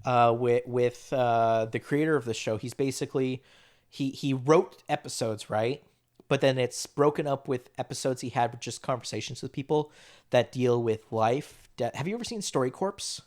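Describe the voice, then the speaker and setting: A man in casual podcast chat, talking in an animated, rambling way with frequent laughs. His voice sits at an ordinary middle pitch for a man. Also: normal speed. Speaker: podcast host.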